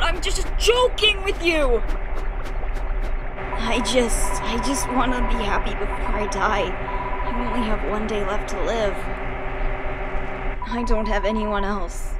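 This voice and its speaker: Cartoon fan-dub villain woman performer: young skeleton, sly, bitter, mock-friendly, quick to anger. Loud music underneath. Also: a little high, lightly acted, rough recording. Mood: pleading, agitated. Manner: mock-friendly taunting, bursting into angry shouts. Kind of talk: animated fan dub acting.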